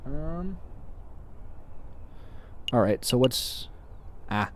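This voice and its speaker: A man's voice: mid-range voice, lively intonation, drawn-out words, a little hiss or hum. A man casually commentating a story game he is playing, playful and chatty. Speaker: let's play host.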